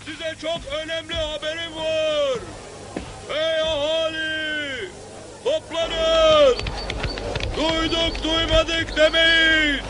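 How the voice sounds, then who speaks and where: An actor playing a town crier, calling out news to the townspeople in a drawn-out proclamation in a period drama. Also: male voice, very high-pitched, heavily acted.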